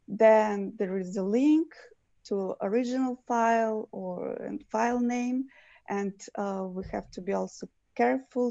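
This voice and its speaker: Russian-accented woman, slow and hesitant. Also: mid-range voice, gravelly, mellow, no room sound. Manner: hesitant, many fillers and restarts. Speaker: lawyer presenting. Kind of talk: online presentation. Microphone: video call. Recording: muffled video call audio.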